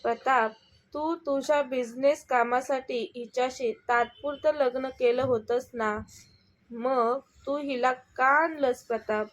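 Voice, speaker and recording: A woman's voice: high voice, steady tone, takes it slowly. A woman voicing a jealous, possessive young woman who demands and insults in an angry storybook scene.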